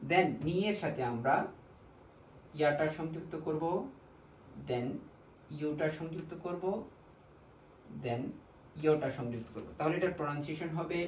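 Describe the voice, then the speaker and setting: A man with a Bangladeshi Bengali accent teaching a language lesson, slowly drilling syllables one by one. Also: a little high, darkish tone, slight background noise. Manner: slow, repetitive drilling of syllables. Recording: echoey room, mic far off.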